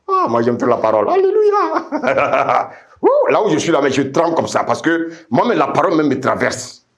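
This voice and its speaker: A middle-aged man preaches passionately, repeating phrases and addressing his congregation directly in call-and-response. He drops into low asides, then climbs to high, shouted refrains.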